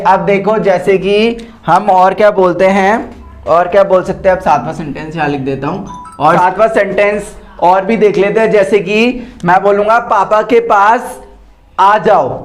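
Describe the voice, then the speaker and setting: A man's voice: high-pitched, steady tone, normal speed, faint music behind. A man teaching English at home in a casual lesson, speaking Indian English with lots of fillers and repeating example sentences word by word. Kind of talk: casual spoken lesson mixing Hindi and English. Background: household noise.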